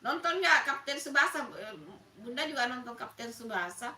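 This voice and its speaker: A woman's voice: sits high, animated, normal speed, bright, forceful tone, distant mic. A middle-aged woman from Makassar with a Makassar accent, hosting a casual live stream and chatting with viewers by name. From Makassar, South Sulawesi. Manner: chatty, greets viewers by name, laughs often. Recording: echoey room, voice off-mic.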